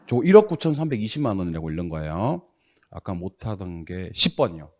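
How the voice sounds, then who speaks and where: Middle-aged male classroom instructor, lowish voice that swings widely, quick to scold and tease. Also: big pitch swings. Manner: brisk, scolding, teasing, loud bursts of exasperation. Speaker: real estate exam instructor. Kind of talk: classroom lecture drilling students.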